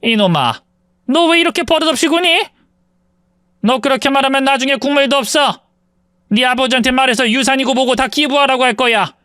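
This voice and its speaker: A man voicing a nagging, pushy older mother-in-law who scolds in a shrill, meddling way. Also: a little fast, bright, forceful tone, clear, resonant tone, no room sound, clean studio sound. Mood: scolding. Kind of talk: storybook voice acting.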